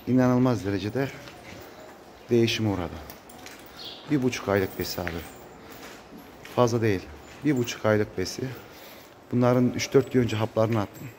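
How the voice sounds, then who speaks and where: A man's voice: lowish voice, a little mellow. A man, his voice muffled and congested from a cold, talking casually to viewers as a farmer in a vlog. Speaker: cattle farmer. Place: open-sided metal-roofed cattle barn. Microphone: handheld phone. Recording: noisy barn phone recording.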